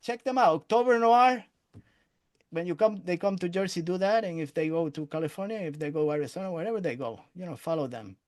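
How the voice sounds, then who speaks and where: An older man from Spain, speaking with a Spanish accent, hosts a casual interview show from an indoor room over a video call, rambling in a self-deprecating, profane way. His voice sits high and is darkish in tone, with lively intonation, a fairly quick pace, and no echo.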